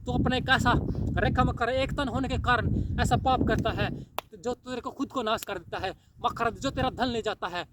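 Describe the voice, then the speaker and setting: A man's voice: extremely high pitch, moderate pace, far from the mic, very noisy. A man preaching a fiery, repetitive sermon, exhorting listeners and breaking into tongues. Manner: exhorting, repetitive, shifts into loud pleading.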